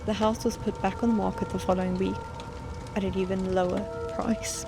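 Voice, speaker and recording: Female horror narrator, scripted storytelling, suspenseful, measured, mid-pitched, little pitch movement. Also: little pitch movement. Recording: music bed behind the voice.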